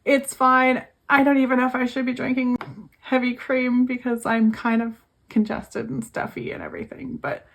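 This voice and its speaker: This young budgeting vlogger has a cold, and her fairly high voice is gravelly and failing. Tired, she chats informally to camera about her budget, referring to her viewers as "you guys."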